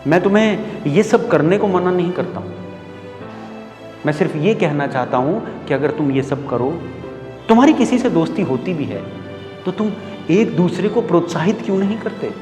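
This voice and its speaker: A man's voice: high-pitched, animated, normal speed. A stage actor playing a stern but caring male schoolteacher who lectures his students, with an Indian accent. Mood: earnest. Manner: scolding, preachy, rising to loud outbursts. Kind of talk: theatre monologue. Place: stage in a hall. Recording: echoey hall with music behind.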